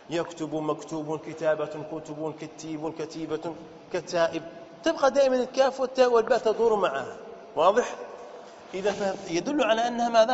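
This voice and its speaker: A man teaching a classroom lesson step by step, repeating points, quizzing his listeners and slowing down to spell out pattern words. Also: high voice. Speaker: sheikh teaching Arabic morphology. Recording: dull, echoey hall with faint noise.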